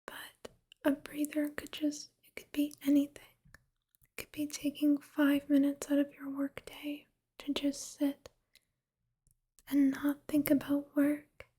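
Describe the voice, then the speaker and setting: Woman whispering a slow, soothing pep talk. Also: high-pitched, monotone. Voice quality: soft unvoiced whisper. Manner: slow, gentle, reassuring. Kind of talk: ASMR whispered pep talk, reading and discussing affirmations.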